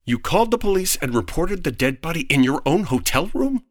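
A man's voice: fairly high pitch, big pitch swings, a little fast, dry recording. An actor playing an exasperated, sardonic 1940s man in a noir comedy radio drama, with a dry and formal way of talking. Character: exasperated, sardonic 1940s male writer dragged into trouble.

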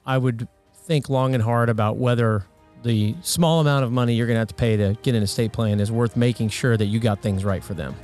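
A man's voice: mid-range voice, fairly even intonation, a little fast, darkish tone, soft background music. A man explaining things earnestly in a conversational way, as an advisor on a podcast. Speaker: financial advisor, podcast guest. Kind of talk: conversational advice.

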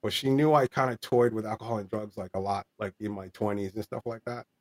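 Guy in his 40s, lowish voice, rambling and earnest, lots of like and you know. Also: steady tone, fairly quick. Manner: earnest, rambling, many fillers and restarts. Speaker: interview guest. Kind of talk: candid personal story in an interview.

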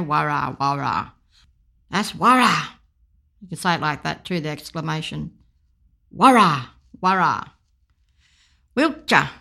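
A woman reading a pronunciation guide. She says each word several times, slowly and carefully, and then gives a short definition. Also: fairly low pitch, a bit bright. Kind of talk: slow, repeated word-by-word pronunciation.

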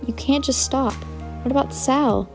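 A woman voicing a desperate, earnest young man in an audiobook, pleading with a low-key read. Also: unhurried, soft background music. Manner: pleading, voice rising. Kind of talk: audiobook narration.

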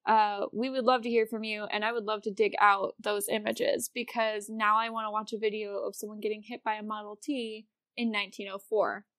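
A woman's voice: medium pitch, little pitch movement, brisk, few pauses, a bit bright, no echo, clean studio sound. An American woman co-hosting a casual comedic history podcast, with an irreverent, casually sweary way of talking. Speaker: podcast co-host.

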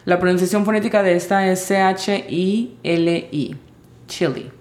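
A woman teaching English vocabulary in Spanish, spelling out each word's sounds slowly and carefully. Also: lowish voice, a little mellow, roomy sound. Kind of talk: vocabulary lesson.

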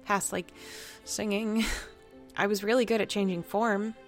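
A woman's voice: medium pitch, steady tone, a little slow. Female tabletop player, middle register, informal role-play talk, light music underneath. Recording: music playing behind the voice.

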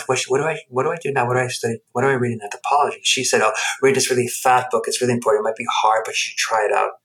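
A middle-aged man with a medium-pitched, somewhat bright voice appears as an interview guest on a rough recording. An anthropologist and researcher from the US and Guatemala, he reflects on personal stories with emphasis, repeatedly rephrasing himself.

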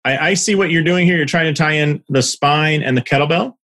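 A man's voice: on the high side, fairly quick, a bit bright. Man giving direct feedback on a call. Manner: direct, encouraging, some stammering. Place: video call at a desktop.

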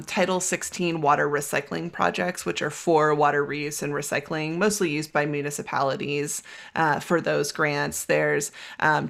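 A guest expert in a podcast conversation, explaining a grant program in a measured way, with frequent "um"s and long lists. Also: mid-range voice, vocal fry, a bit bright. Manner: measured, many "um"s, lists items one by one.

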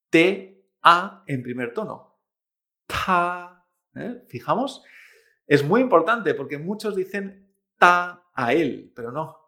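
A young man teaches a language lesson, modeling each sound with patience. His voice sits a bit high and he takes his time, speaking slowly. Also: pushed and bright. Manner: slow, patient, demonstrating sounds. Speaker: Mandarin teacher.

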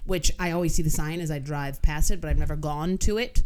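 A woman's voice: sits low, fairly even intonation, brisk, a little mellow, soft background music. A woman co-hosting a podcast, chatting about wine and drifting into joking, self-deprecating tangents. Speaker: podcast co-host. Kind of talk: casual wine-tasting chat.

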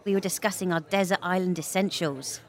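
A woman's voice: on the low side, fairly even intonation, fairly quick, lightly acted. An actress playing an odd, blunt young woman, who speaks in a dry, matter-of-fact way.

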